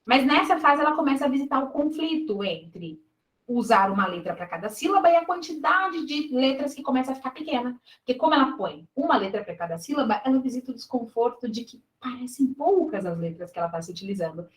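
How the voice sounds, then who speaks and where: In a reverberant, low-quality recording, a woman with a high, very animated, fairly quick voice teaches an exam-prep lesson in Brazilian Portuguese. Reviewing exam questions, she explains step by step and keeps checking in with students.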